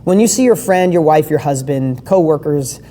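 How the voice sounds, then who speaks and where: A woman's voice: low voice, lively intonation, moderate pace, dark tone. Enthusiastic woman coach in a reverberant hall. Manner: enthusiastic and conversational, asks the audience questions. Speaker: business coach. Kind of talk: live online training talk.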